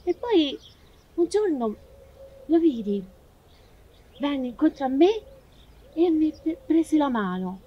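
A woman's voice: high voice, very animated, slow, pauses often, highs cut off, full character voice. An actress playing a young painter who hesitantly remembers her past. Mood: nostalgic. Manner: hesitant, reminiscing. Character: young woman painter, dreamy and nostalgic. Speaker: actress in a short film. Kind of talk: amateur theatre acting.

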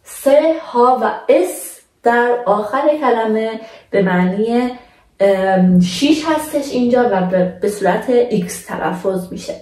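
A young woman teaching a language lesson in a patient, casual way, slowing down to model words for her viewers. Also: a little high, darkish tone, echoey room, recorded from a distance.

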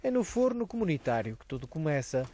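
A man's voice: fairly high pitch, sing-song, warm tone. A man with a European Portuguese accent, reading a scripted news voice-over as a reporter. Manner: brisk, measured narration.

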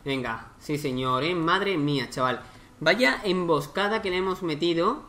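A man's voice: a little high, animated, unhurried, bright, forceful tone, slight background noise. A man giving casual let's-play commentary, thinking aloud and exclaiming as he plays a strategy game. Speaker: gaming YouTuber.

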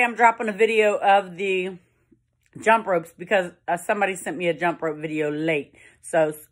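A school principal talking straight to her students in a chatty, upbeat way. Her voice sits at a middle pitch, and her manner is informal and friendly. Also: a bit bright. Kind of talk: casual announcement to students.

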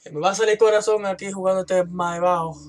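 A man's voice: sits high, fairly even intonation, fast. A young man with a Caribbean Spanish accent commentating on a horror game as a panicking, jumpy gamer who swears a lot. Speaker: gamer recording gameplay with commentary. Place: small room at home, indoors.

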